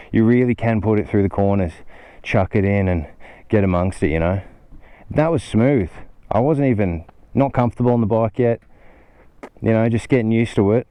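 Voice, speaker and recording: An excited man, giving casual ride-along commentary through a helmet microphone while riding a motorbike. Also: fairly low pitch, no echo. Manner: excited, laughing, casual slang. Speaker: motorcycle reviewer. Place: outdoors on a motorbike in traffic. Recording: wind noise through helmet mic.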